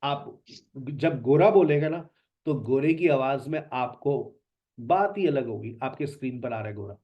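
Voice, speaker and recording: A man's voice: medium pitch, lively intonation, unhurried. A man teaching an online spoken English lesson, repeating words with emphasis to drill them. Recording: dull lo-fi sound.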